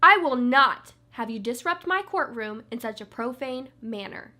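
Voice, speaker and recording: A woman's voice: on the high side, expressive, normal speed, heavy background noise, lightly acted. A woman playing a self-righteous daytime TV judge in a comedy radio sketch, stern and scolding. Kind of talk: comic radio sketch acting.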